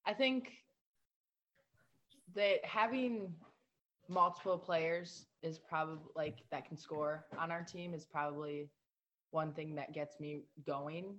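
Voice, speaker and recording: Casting: teenage girl athlete as guest, deep for her age, relaxed and chatty. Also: slow pace, muffled recording. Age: teens. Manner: relaxed, chatty, uses "like" and "um" often. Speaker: guest, high school basketball player. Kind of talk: casual interview answers.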